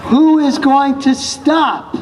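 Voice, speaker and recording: An American speaker giving a deliberate, emphatic political speech at a public rally. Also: sits high. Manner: deliberate, emphatic, rhetorical questions. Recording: distant, reverberant PA with faint noise.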